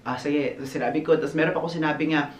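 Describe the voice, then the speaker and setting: A man chatting casually in a birthday vlog, animated and laughing often, slipping English phrases into his talk. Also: on the high side, fast talker, a little hiss or hum. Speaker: vlogger. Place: outdoors on a windy day. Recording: echoey, roomy sound.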